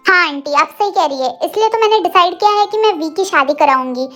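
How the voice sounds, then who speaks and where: A woman's voice: very high-pitched, animated, fast, fairly bright tone, soft background music. A woman voicing a dramatic, bossy middle-aged mother and grandmother in a Hindi fan audio story, scolding and theatrical. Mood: warm.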